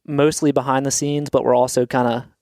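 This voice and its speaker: A man's voice: mid-range voice, little pitch movement, a little fast, darkish tone, no echo, clean studio sound. A man from Atlanta co-hosting a podcast in easygoing, rambling casual chat. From Atlanta, USA. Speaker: podcast co-host.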